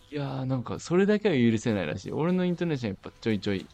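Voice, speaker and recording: A man with a Nagoya accent, a podcast co-host chatting in a relaxed, offhand way with quick reactions. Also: medium pitch, gravelly, muffled recording. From Nagoya, Japan. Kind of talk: casual chat.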